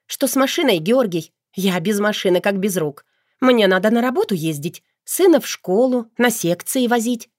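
A woman's voice: mid-range voice, animated, normal speed, darkish tone, dry recording, clean studio sound, close to an everyday voice. A woman voicing a pleading, clingy woman in an audiobook, speaking in a plaintive, wheedling way. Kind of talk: audiobook character voice.

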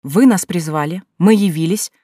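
A woman voicing a steady, composed male sorcerer in a storybook reading. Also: lowish voice, moderate pace, no room sound, studio quality, lightly acted. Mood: earnest.

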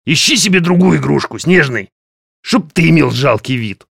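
A man voicing a snappish shape-shifting male familiar in an audiobook, with a creaky voice. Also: fairly high pitch, expressive, normal speed, a bit bright, dry recording, clean studio sound, voice pushed up, exaggerated voice. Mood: scolding. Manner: scolding, snappish. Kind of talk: audiobook reading.

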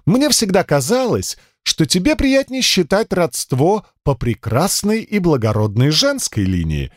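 A man's voice: medium pitch, no room sound, clean studio sound. A man voicing a chatty, wry messenger god who talks at length in an audiobook.

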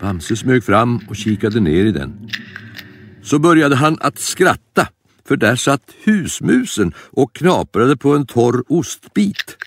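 A man narrating a children's storybook in an animated, expressive way. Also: mid-range voice, dry recording.

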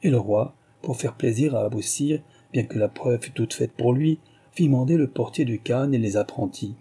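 A man reads a classic storybook tale in a measured, steady way. His voice is very dark and mellow, with a husky edge. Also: mid-range voice. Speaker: audiobook narrator. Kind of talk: storybook narration.

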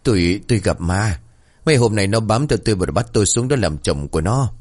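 A man's voice: on the low side, expressive, fairly quick, a little mellow. A man voicing a frightened, balding old village man who stammers and pleads for help. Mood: stammering.

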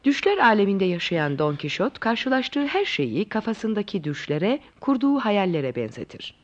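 A narrator telling a classic tale in a lively, inviting way. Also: medium pitch, normal speed. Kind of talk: storybook narration. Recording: dull lo-fi recording.

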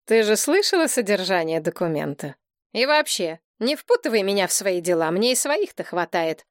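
A woman's voice: medium pitch, very animated, normal speed, no room sound, lightly acted. A nervous, sarcastic middle-aged banker, voiced by a woman audiobook reader, sour and dismissive in tone. The read is dry and close.

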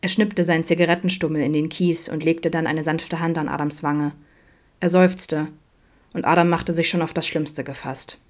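A woman reading an audiobook aloud in a calm, soft, even manner. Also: deep voice, moderate pace. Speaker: audiobook reader. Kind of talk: audiobook narration.

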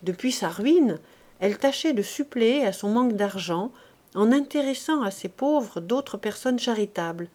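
A woman narrating a classic novel as an audiobook reader, in a measured, even storytelling delivery. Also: a little high.

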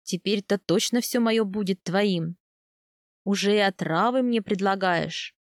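A woman reading an audiobook, voicing a passionate young steppe husband in a lower, drawn-out tone. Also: no room sound, clean studio sound, natural voice. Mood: teasing.

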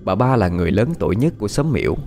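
A man narrating a ghost story in a dramatic, expressive way. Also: on the low side, rapid-fire, faint music behind.

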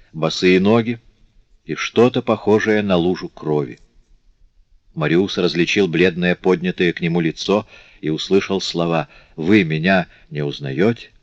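A man narrating a classic novel as an audiobook in a measured, even storytelling manner, in a dry, slightly dull recording. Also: low voice, dry recording.

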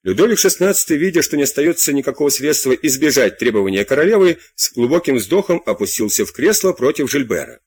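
Husky male audiobook narrator. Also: mid-range voice, sing-song, fast, few pauses, darkish tone, no echo. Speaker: audiobook reader.

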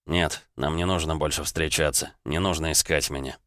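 A weary young guild head speaks firmly and tiredly, as a male narrator reads him. His voice is low and the recording dry and close. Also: fairly even intonation, normal speed, fairly bright tone, no room sound. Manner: firm, tired.

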